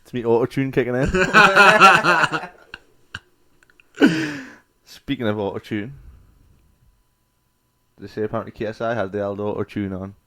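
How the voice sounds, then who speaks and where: A man's voice: medium pitch, measured pace, pauses often, pushed and bright. A young man, co-hosting a podcast, bantering and swearing freely in casual chat. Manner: banter-heavy, swears freely, breaks into laughs. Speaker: podcast co-host.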